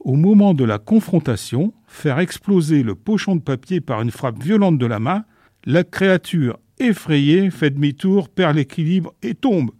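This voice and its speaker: Deadpan man narrating like a nature documentary. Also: on the high side, measured pace, no echo, clean studio sound. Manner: deadpan, mock-scholarly. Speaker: radio presenter of a local-culture segment.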